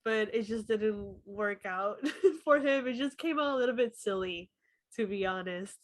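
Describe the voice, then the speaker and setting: A woman's voice: mid-range voice, unhurried. A woman co-hosting a casual film review podcast, laughing often and thinking aloud with fillers. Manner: laughs often, talks through thoughts with fillers.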